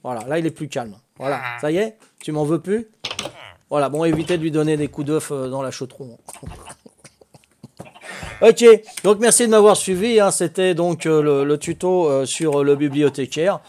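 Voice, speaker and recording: A man's voice: on the high side, normal speed, a little mellow. An older man casually explaining a video game in a tutorial, hesitant and chatty, with many fillers and restarts, talking to the characters on screen. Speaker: gaming tutorial host.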